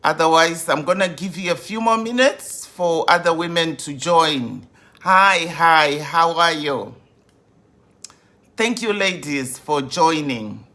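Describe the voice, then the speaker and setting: A woman in her fifties, a grief coach hosting a live stream, welcoming viewers over and over in an unhurried way with many fillers. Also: deep voice, expressive, sharp tone. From Zimbabwe.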